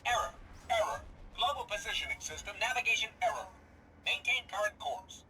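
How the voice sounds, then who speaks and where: An actor voicing a malfunctioning robot bus driver through a robotic filter, making flat, glitching error announcements in a game clip. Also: male voice, high-pitched, fairly quick, background noise.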